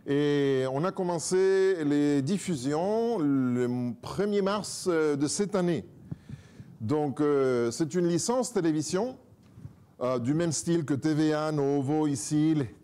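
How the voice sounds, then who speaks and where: A native Spanish-speaking man gives a church talk as a guest preacher, joking and poking fun at himself. His voice is on the high side and his pace slow, yet he's lively and moves around a lot.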